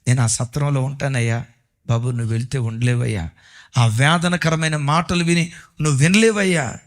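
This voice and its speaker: A man's voice: mid-range voice, moderate pace, natural voice. A man voicing a brash, defiant young male atheist who talks in a boastful, insistent way.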